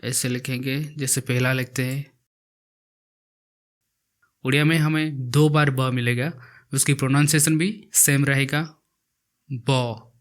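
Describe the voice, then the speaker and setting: A language teacher with a medium-pitched, steady, slightly bright voice gives a slow alphabet lesson. He says each letter twice, repeating it slowly as he writes it and explaining how it is formed.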